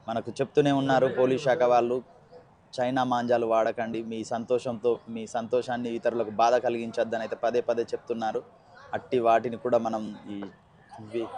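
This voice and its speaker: A man's voice: mid-range voice, a little mellow. A man with a Telugu accent co-commentating on live cricket in formal, wordy phrasing.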